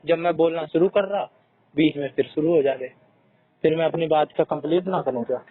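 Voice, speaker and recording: A man's voice: fairly high pitch, brisk, husky, dry recording. Male podcast co-host, casual rambling chat, tinny lo-fi audio with faint music under it. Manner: frustrated, rambling storytelling.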